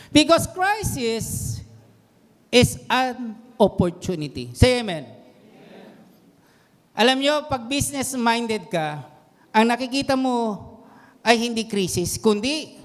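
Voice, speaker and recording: A man preaching a sermon to a congregation, animated and mixing English phrases in, often putting questions to his listeners. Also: extremely high pitch. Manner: animated, mixes English into Tagalog, quizzes the congregation. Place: church hall. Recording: long hall reverb.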